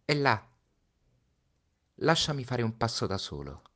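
A man reading a storybook voices the Little Prince, a gentle, earnest small boy, in a raised, pleading childlike voice. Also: mid-range voice, big pitch swings, measured pace, voice pushed up. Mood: tender.

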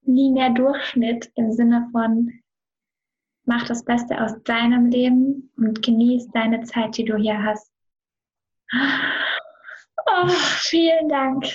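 A woman's voice: fairly high pitch, flat delivery, slow, mellow, highs cut off. A woman hosting a podcast, gushing and effusive toward her guest. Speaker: podcast host. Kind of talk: casual podcast interview.

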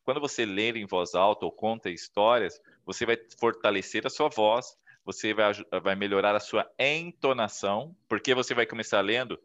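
A man's voice: lowish voice, moderate pace, hardly any pauses, a bit bright. A man coaching on communication in an interview, explaining step by step and acting out the voices in his little stories. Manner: explanatory, acts out quoted voices while telling stories. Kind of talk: interview advice talk. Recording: dull lo-fi sound.

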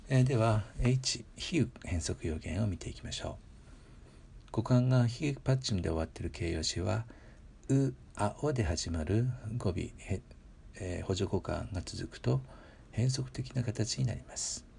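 A man giving a patient, measured grammar lesson, repeating example words slowly and pausing often with fillers. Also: lowish voice, lively intonation, creaky, warm tone, slight background noise. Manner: polite instructional phrasing with frequent filler pauses. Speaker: language teacher.

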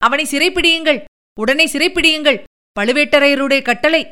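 A woman voicing a frantic young man, a physician's son, who keeps shouting accusations in an audiobook story. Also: fairly high pitch, normal speed, clear, resonant tone.

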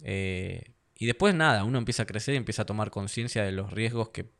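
A man's voice: lowish voice, quick pace, creaky, fairly bright tone. A young man from Argentina with an Argentine accent, telling stories as a fighter guest in a casual interview, laughing often and acting out quotes in a raised voice. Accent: Argentine Spanish.

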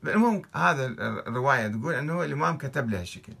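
A man with an Iraqi Arabic accent talks at a quick clip, reading out religious texts and pulling them apart. His voice is husky and bright-edged, and he argues hard, throwing out one rhetorical question after another. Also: medium pitch, lively intonation. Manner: argumentative, fires off rhetorical questions. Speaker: religious commentator.

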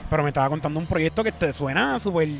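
A man with a Puerto Rican accent hosting a casual chat, excitable and joking, swearing freely. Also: fairly high pitch, fast talker, creaky. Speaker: host.

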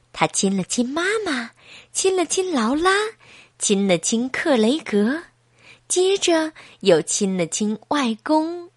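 A woman narrating a children's storybook, slow and expressive. Her voice is high and lively, rising and falling a lot. Dry, close recording. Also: husky, no echo.

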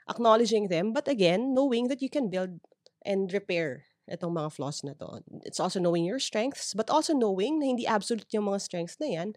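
A woman's voice: on the low side, a little mellow, no room sound, studio quality. A woman with a Filipino accent hosting a podcast, explaining ideas in a conversational advice monologue and often checking that listeners follow. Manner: explanatory, frequent self-checking tags. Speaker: podcast host. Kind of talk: conversational advice monologue mixing two languages.

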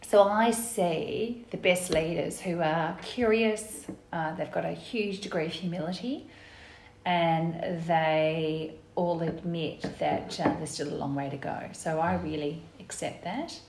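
An Australian woman raised in Western Australia, whose first language was Italian, appears as a guest on a conversational podcast interview as executive officer of a gender equity group. Her lowish, darkish voice moves slowly, confident and emphatic, and she agrees often. The room is echoey with faint noise.

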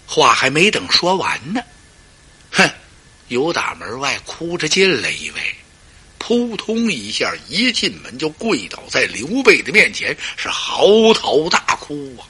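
A man's voice: medium pitch, wildly swooping pitch, measured pace, pushed and bright, slightly rough. A male storyteller performing a traditional tale dramatically, with asides to the listener.

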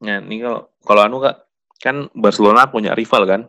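Young male host, low voice, quick chatty delivery, casual football talk. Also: bright, forceful tone, lo-fi sound. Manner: quick, chatty, restarts often.

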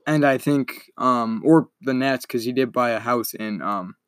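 A man's voice: mid-range voice, a little slow, smooth, no room sound, studio quality. A young man hosting a casual solo sports podcast, talking in a rambling, chatty way and often correcting himself. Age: young adult. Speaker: podcast host.

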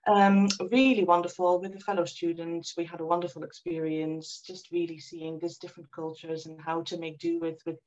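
This interview guest, a woman in her forties from the Netherlands, has a lowish, darkish voice with a level tone. She speaks at normal speed with hardly any pauses, though she still reflects on her story with many ums and restarts. The sound is lo-fi.

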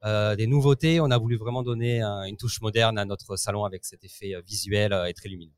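A man's voice: on the low side, steady tone, brisk, clean tone, no echo. A man, a company director, answering interview questions at a trade fair, hesitant with many fillers. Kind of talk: casual interview.

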